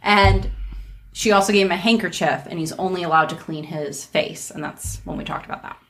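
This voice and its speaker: A woman's voice: on the low side, brisk, fairly bright tone. A woman hosting and reading a folk tale aloud in a storytelling style, with casual asides. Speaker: narrator and host.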